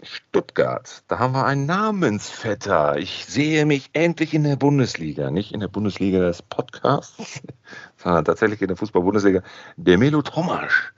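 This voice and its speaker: Deep-voiced man hosting a podcast. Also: sing-song, moderate pace, dry recording. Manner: chatty, jokey, thinks aloud. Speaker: podcast host. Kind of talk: casual chat. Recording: dull lo-fi sound.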